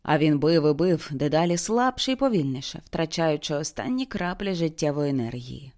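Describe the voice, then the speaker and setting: Lady reading an audiobook, kinda low voice, intense and dramatic. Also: lively intonation, a little mellow. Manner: intense, slows for grim moments. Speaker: audiobook reader.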